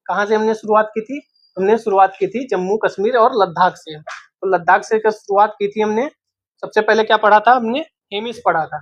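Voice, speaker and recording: A man's voice: high voice, no echo. A man teaching an exam-prep geography lesson, repeating each name several times and quizzing the listener as he goes. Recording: dull, dry, lo-fi home recording.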